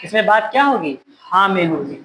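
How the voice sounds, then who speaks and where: A man's voice: high-pitched, very animated, brisk, a little hiss or hum, poor audio. Male teacher drilling a class. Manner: repeats questions to the class, scolds students gently. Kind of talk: classroom grammar lesson. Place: classroom with students.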